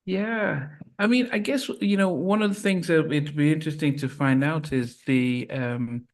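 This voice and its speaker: A middle-aged man from Liverpool and Nigeria hosting an interview, speaking haltingly with many ums. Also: on the high side. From raised in Liverpool and Nigeria. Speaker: podcast host.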